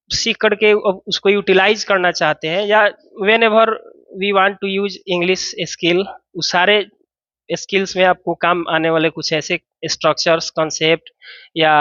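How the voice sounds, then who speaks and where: A man's voice: fairly high pitch, a bit bright, no room sound, dull audio. A man teaching an English grammar lesson, explaining step by step and asking and answering his own questions.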